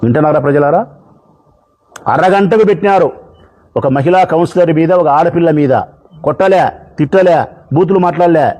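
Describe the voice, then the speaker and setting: A man's voice: on the high side, normal speed, long pauses, a little mellow. A man speaking as a politician, addressing the press in an impassioned, repetitive way. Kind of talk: public speech to press.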